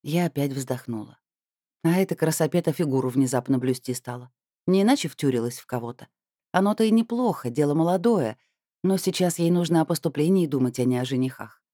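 A woman's voice: sits low, warm tone, dry recording, studio quality. Woman reading a wry first-person story. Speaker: audiobook narrator. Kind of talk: first-person novel narration.

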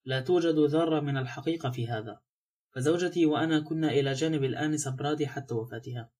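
A nervous butler defends himself in a quiet, respectful tone, voiced by a man reading an audiobook. He keeps a deferential manner throughout. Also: a little high, fast talker, close to an everyday voice.

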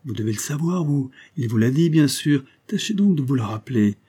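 A man's voice: medium pitch, fairly quick, dark tone, husky, natural voice. A man reading the part of a weary young widow who turns nervous and insistent when money comes up. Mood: feverish. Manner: fretful, nervous, turning insistent.

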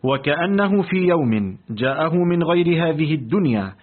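A man narrating a literary audiobook in a deliberate, expressive reading. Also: on the high side. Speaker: audiobook reader. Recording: tinny, lo-fi phone-like audio.

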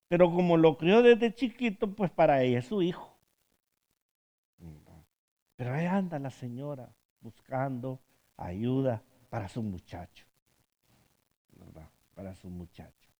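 Una mujer que da un estudio bíblico en tono conversacional. Hace preguntas al grupo y suele rematar sus frases con una pregunta. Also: female voice, on the low side, a little mellow. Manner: asks the group questions, often adds a tag question at the end; tells stories from her own counseling work. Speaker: Bible study teacher. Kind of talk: conversational Bible study teaching.

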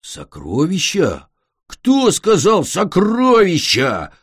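A young male dragon growls and gloats as a play-acting thief, as a man voices him. The voice jumps around with lively pitch. It sounds close and dry. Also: takes it slowly, husky, dry recording, exaggerated voice. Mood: gleeful. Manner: growling, gleeful.

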